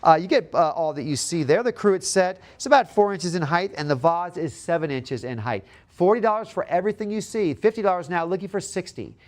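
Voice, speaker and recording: Male auctioneer, high voice, steady bid-calling patter with repeated figures and calls for the next bid. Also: fairly quick, few pauses.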